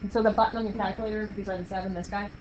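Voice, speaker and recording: In a muffled classroom recording with a little background noise, a woman lectures her math students very fast. Her mid-range voice is darkish with fairly even intonation, yet her manner stays upbeat, playful, and encouraging.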